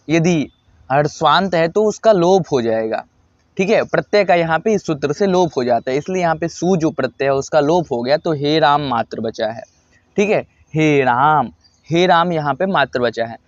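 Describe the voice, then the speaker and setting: A man's voice: a little high, no echo. A man teaching Sanskrit grammar to students, patient and repetitive, often checking in with his listeners. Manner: patient, repeats points, frequent "thik hai" check-ins. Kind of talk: explaining lesson to students. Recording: dull lo-fi dry sound.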